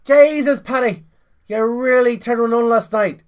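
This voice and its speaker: A man's voice: very high-pitched, measured pace, pitched above the performer's own voice. A man voicing a fond, chatty wife in a joke, with a raised, sing-song manner. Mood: teasing.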